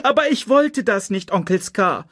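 A man reading aloud and voicing a frightened young male lion cub, high-pitched, tearful and pleading. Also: expressive, moderate pace, a bit bright, dry recording, clean studio sound.

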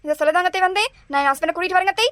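Cartoon daughter-in-law, young, wheedling, very high voice, rapid talk. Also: female voice, a bit bright, no echo. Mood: eager. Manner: pleading, chatty. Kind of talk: cartoon voice acting.

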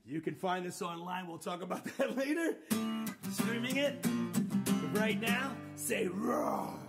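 A man with a high, steady voice and a slightly slow delivery performs as a children's musician. He leads a playful, upbeat sing-along for kids over a live-stream microphone, calling out to his young listeners. A loud acoustic guitar plays behind him.

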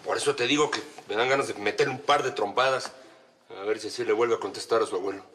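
An actor playing a stern, traditional father who talks gruffly and bluntly. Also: lowish voice, fairly even intonation, fast, fairly bright tone, slight background noise, close to an everyday voice.

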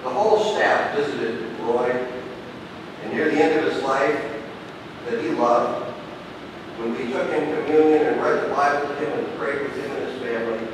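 Middle-aged pastor preaching in a reverberant church. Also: male voice, steady tone, normal speed. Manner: storytelling preacher, swings from booming emphasis to hushed tones. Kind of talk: sermon. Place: large church sanctuary, at a pulpit. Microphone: pulpit gooseneck mic. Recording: echoey church hall from a distance, with rumble.

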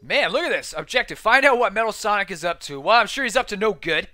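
A man narrating his own gameplay in a casual, chatty way, quick to exclaim and to poke fun at himself. His voice sits high and bright, with lively leaps up and down in pitch. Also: faint music behind. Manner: excitable, chatty, self-deprecating, lots of exclamations; talks to himself while playing on a keyboard. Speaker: gaming video host. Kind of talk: casual let's-play commentary.

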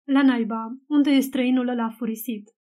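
A woman's voice: a little high, fairly even intonation, warm tone, close to an everyday voice. A woman reading as a grieving old admiral. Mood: angry. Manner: murmuring, groaning.

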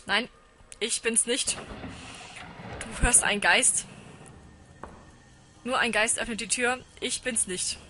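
Bright-voiced woman gaming, panicky chants. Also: a little high, steady tone, takes it slowly, long pauses, a little hiss or hum. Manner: reads game text aloud, chants panicky repetitions when scared. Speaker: let's play gamer. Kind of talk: casual live game commentary.

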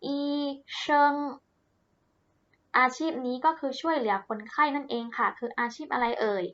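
A woman teaching a language lesson to children, cheerful and encouraging, saying words slowly and repeating them for pupils to copy. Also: a little high, fairly bright tone, dull audio.

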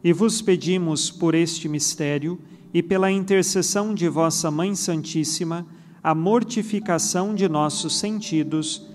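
A man with a Brazilian Portuguese accent leading a recited rosary prayer in a steady chant. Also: on the high side, measured pace. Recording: long reverb with background music.

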